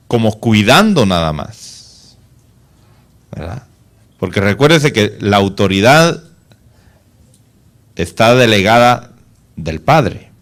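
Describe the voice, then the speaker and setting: A male pastor preaching a sermon, asking the congregation rhetorical questions and dropping to a soft, low voice for solemn points.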